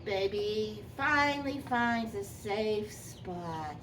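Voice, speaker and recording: A woman voicing a sweet, gentle old granny who tells a children's story expressively, lingering on and repeating words. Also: mid-range voice, lively intonation, drawn-out words. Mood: gentle, unhurried. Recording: distant microphone, faint background noise.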